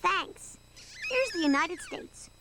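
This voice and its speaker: A woman's voice: extremely high pitch, wildly swooping pitch, slow, pushed and bright, a little hiss or hum, full character voice. A woman playing a clever, level-headed young adventurer who explains a route in a children's TV sketch. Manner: thoughtful, explaining.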